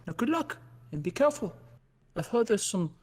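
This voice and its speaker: A man's voice: sits high, very animated, a little fast, darkish tone. A man voicing an elderly male bear who runs a honey heist, fussy and wavering. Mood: doting. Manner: fussy, wavering, breathy asides.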